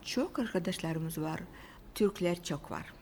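A woman from Russia with a Russian accent, telling about her own life casually in simple, halting non-native Turkish with grammatical slips. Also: lowish voice, expressive, a little mellow, slight background noise. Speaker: interview guest. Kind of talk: casual personal storytelling.

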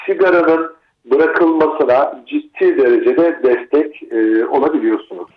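Man on an echoey phone line. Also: fairly high pitch. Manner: measured, explanatory, frequent hesitation fillers. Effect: echoey voice over the phone line. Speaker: doctor, phone-in guest. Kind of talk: explaining a treatment on a radio call. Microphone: phone with earphones.

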